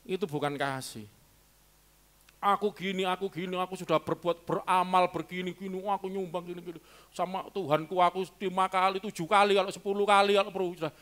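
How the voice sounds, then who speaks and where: A man preaching a sermon in a church, animated and emphatic, slipping in local words and short chuckles. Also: high-pitched, a little fast. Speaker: pastor. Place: church sanctuary.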